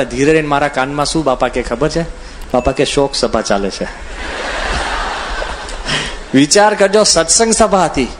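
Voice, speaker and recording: A man's voice: fairly high pitch, slight background noise. A man who is a monk giving a humorous spiritual discourse, telling anecdotes and acting out the voices of people he quotes. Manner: animated, acts out quoted voices, chuckles while telling anecdotes.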